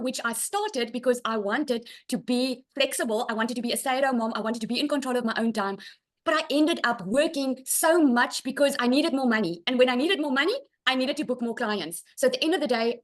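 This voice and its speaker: An earnest South African woman tells her own story on a webinar, speaking through a video call. Her voice sits a little high, and she talks in a heartfelt, persuasive way. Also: a bit bright. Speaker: guest sharing her success story. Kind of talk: personal testimonial on a webinar.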